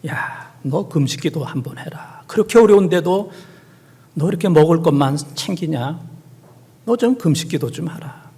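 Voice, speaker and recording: A middle-aged male senior pastor preaching a Sunday sermon, swinging from soft near-whispers to loud, urgent exhortation and scolding his congregation directly. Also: fairly high pitch, expressive, moderate pace, husky. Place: large church sanctuary. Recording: church hall reverb.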